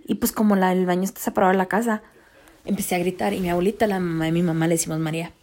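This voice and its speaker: Talking very fast in a voice on the low side, a young woman casually recounts a story for her vlog. Her chat is slangy and lively, with English words sprinkled throughout.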